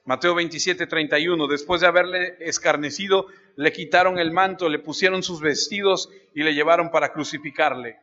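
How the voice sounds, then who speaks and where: High bright-voiced preacher in a reverberant church. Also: male voice, fairly even intonation, brisk, hardly any pauses, highs cut off. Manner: reads scripture aloud, then addresses listeners directly. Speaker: pastor. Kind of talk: expository Bible study sermon.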